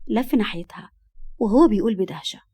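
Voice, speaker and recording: With an Egyptian Arabic accent, a woman narrates a dramatized story and acts out its dialogue, turning heated in the angry scenes. Her mid-range voice is animated, quick, dark in tone and slightly rough.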